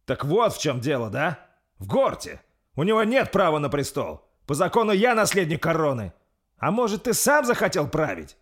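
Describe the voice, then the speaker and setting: A man's voice: medium pitch, very animated, normal speed, pitched above the performer's own voice. A man voicing an arrogant young prince who speaks down to his lords. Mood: haughty. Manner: haughty, commanding. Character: young male prince on a throne, arrogant, quick-tempered.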